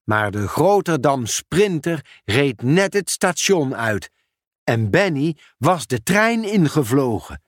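A man narrates a children's storybook at an easy, unhurried pace. His voice is lively and rises and falls expressively through each sentence. The recording is close and dry, with no room sound. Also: a little high, dry recording. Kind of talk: storybook read-aloud narration.

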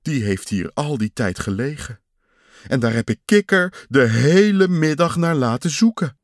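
A fussy little male creature from a storybook, complaining about his lost button, as a man puts him on. He stretches out his words slowly and his pitch swings about a lot. The sound is dry and close. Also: animated, no room sound. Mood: sheepish. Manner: complaining, slow insistent emphasis. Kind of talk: storybook voice acting.

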